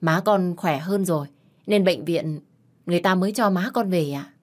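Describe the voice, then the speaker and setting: A respectful young suitor speaks politely and deferentially, voiced by a woman storyteller. The tone is low-pitched for her. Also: normal speed, lightly acted.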